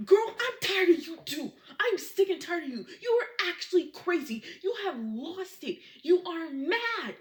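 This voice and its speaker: A woman voicing a wary husband who gives warnings and yells back in an argument while retelling a story. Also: sits high, very animated, moderate pace. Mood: yelling. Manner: warning, then yelling. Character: older husband, wary and defensive.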